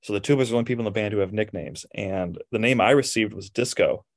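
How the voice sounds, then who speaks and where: A young man co-hosts a casual podcast in a somewhat low voice. He tells stories in a relaxed, easygoing way. The sound is dry and close, with no room behind it. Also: quick pace, dry recording. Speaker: podcast co-host.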